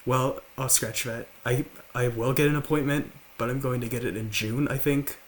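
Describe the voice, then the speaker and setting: A young man in his late teens with a slight lisp, talking quietly and haltingly to the camera at home. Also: mid-range voice, steady tone, slight background noise. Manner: halting, with many fillers and restarts. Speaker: vlogger. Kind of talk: confessional talk to camera. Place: large house, indoors.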